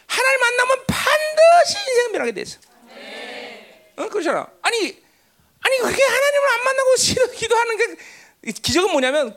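A woman pastor preaching a sermon in a lively, conversational way, joking with the congregation and often asking them "right?". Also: very high voice.

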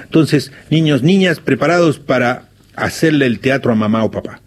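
A man's voice: mid-range voice, lively intonation, moderate pace. A man with an Argentine accent hosting a radio show in a playful, theatrical way, sometimes reading song lyrics with feeling. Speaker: radio host. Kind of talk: lively radio show talk.

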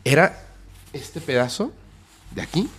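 A man with a Mexican accent, a podcast guest telling a frightening story with dramatic whispers and sudden loud bursts. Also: a little high, big pitch swings, measured pace, slightly rough.

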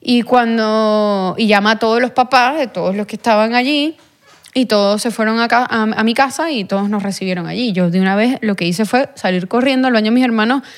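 A young adult woman, a podcast guest who tells a personal story in an earnest, halting way, full of fillers and restarts. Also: fairly high pitch. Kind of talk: personal testimony in a podcast interview.

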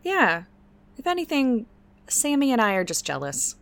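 Lively, breezy woman. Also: a little high, normal speed, vocal fry.

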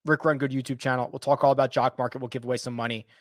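A man's voice: mid-range voice, little pitch movement, very fast, dry recording, studio quality. A man hosting a live stream, chatting casually with loose fillers and restarts as he answers viewer questions.

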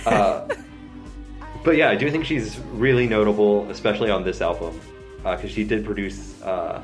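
Male podcast co-host, very low voice, rambling talker, faint music underneath. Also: moderate pace. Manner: rambling, many fillers and laughs. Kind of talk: casual music discussion.

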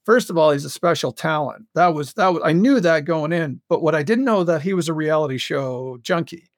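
A man appears as an interview guest, an audio fiction creator and commercial voice director, chatting casually and telling enthusiastic, animated stories about his creative work with frequent emphasis. His voice is fairly high and fairly quick, recorded at studio quality with no room sound.

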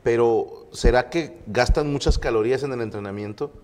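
A man's voice: medium pitch, normal speed, a little mellow, long reverb tail. A young man with a Mexican accent, co-hosting a casual chat and telling slangy stories that act out the people in them. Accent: Mexican Spanish. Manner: slangy storyteller, acts out quoted voices. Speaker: podcast co-host.

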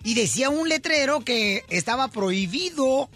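A man hosting a radio comedy show, telling jokes in boisterous, rapid-fire banter. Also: extremely high pitch, lively intonation, a bit bright, soft background music.

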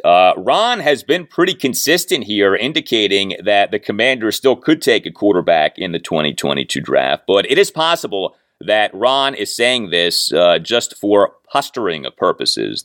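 A man's voice: fairly low pitch, a bit bright, no echo, studio quality. A man hosting a solo sports podcast, giving emphatic analysis and repeating his key points. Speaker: podcast host.

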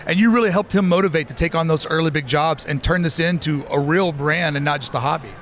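Male podcast host, friendly convention interviewer, slightly high voice, light street noise. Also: fast talker, a bit bright. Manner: friendly, talkative, scripted intros.

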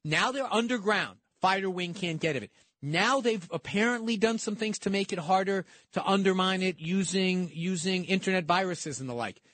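A man's voice: high voice, moderate pace, a bit bright, no room sound. A man co-hosting a political talk show, arguing emphatically and repeating words as he builds each point.

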